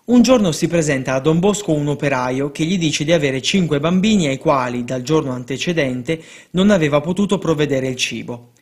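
Guy reading old saint stories, steady and measured, voice on the high side. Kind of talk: devotional story reading.

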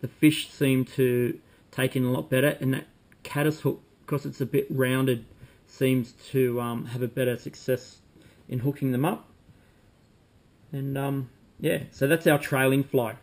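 A man, calmly demonstrating fly tying at a desk at home, talking while he works with frequent ums. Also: medium pitch, measured pace. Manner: relaxed, talks while working, frequent ums. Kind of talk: casual demonstration. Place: home room with bookshelves, indoors.

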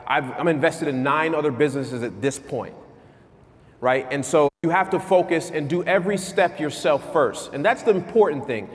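Energetic man giving a keynote. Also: a little high, normal speed. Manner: energetic, pacing the stage, asking the crowd questions. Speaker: keynote speaker. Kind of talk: motivational keynote. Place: large conference hall, on stage. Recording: long hall reverb.

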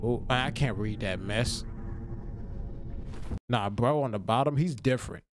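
A man's voice: lowish voice, slow pace, over music. Laid-back rambling man reacting casually. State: tired after work. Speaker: reaction video host.

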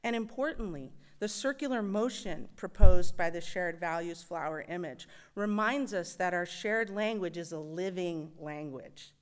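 A woman serving as worship associate, giving a thoughtful, measured personal reflection with touches of wry humor in a church service. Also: lowish voice, clear, resonant tone. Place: church sanctuary.

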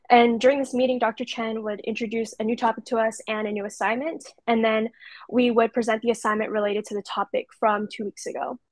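A woman in her twenties from California, presenting prepared slides on a video call in a steady, read-aloud way. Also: fairly high pitch, dry recording. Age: 20s. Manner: clear, steady reading of prepared notes. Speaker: intern presenter.

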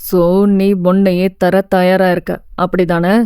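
A woman's voice: fairly low pitch, completely flat delivery, takes it slowly, darkish tone, clean tone, dry recording, studio quality, pitched below the performer's own voice. A woman voicing a brooding, harsh young male anti-hero who talks in a curt, cold, pressing way.

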